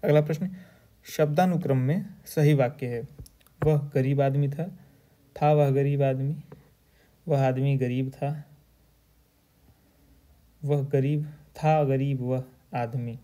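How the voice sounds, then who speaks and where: A male teacher going through exam questions, reading each answer option aloud slowly and then stating the correct one. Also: mid-range voice, steady tone, warm tone. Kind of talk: exam question walkthrough lecture.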